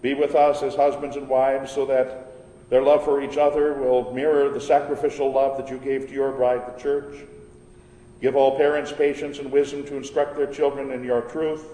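A pastor leading a church service, praying and chanting the liturgy in a solemn, measured way, his voice echoing through a large church. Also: mid-range voice, little pitch movement, dark tone. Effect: cathedral-like echo from a large church. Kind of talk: liturgical prayer and chanted responses. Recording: roomy church hall with long reverb, faint organ.

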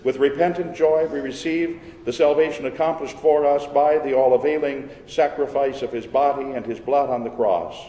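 A male pastor recites liturgical prayer with solemn, formal care and a measured delivery. His mid-pitched voice rings through a large, echoey church with long reverberation. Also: steady tone, warm tone. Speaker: pastor leading a church service.

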